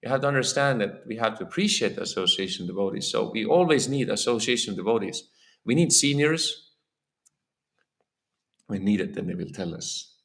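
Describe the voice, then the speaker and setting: His voice is fairly low, gravelly and a bit bright, expressive and moderately paced. An Estonian-accented man, he lectures informally on scripture in a temple hall, speaking earnestly and often repeating words in search of phrasing.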